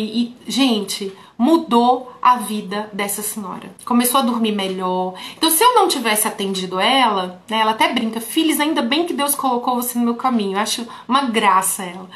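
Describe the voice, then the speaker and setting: A woman's voice: medium pitch, fairly bright tone. A woman therapist teaching fellow therapists through a patient story, talking straight to her viewers in a casual way. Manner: talks straight to viewers, often saying "folks". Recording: roomy echo.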